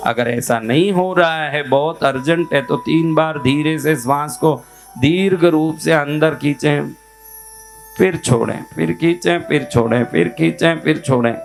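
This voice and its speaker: A man's voice: on the high side, a little slow, vocal fry, soft background music. A man giving a devotional teaching talk as a spiritual teacher, putting questions to his listeners and then answering them.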